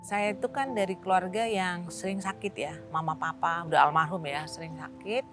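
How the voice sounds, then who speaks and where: A woman's voice: fairly low pitch, steady tone, moderate pace, over music. A woman in her late fifties from Indonesia, talking casually about her volunteer work in a chatty way. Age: 50s. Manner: chatty, with soft laughs. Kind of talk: casual interview.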